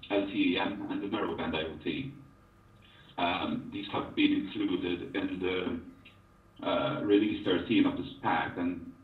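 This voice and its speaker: A man giving a technical presentation over an internet call, halting with many ums, his voice coming through garbled at times. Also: low voice, lo-fi sound. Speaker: remote presenter at a tech meetup. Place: remote, at home. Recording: echoey, distant call audio through room speakers.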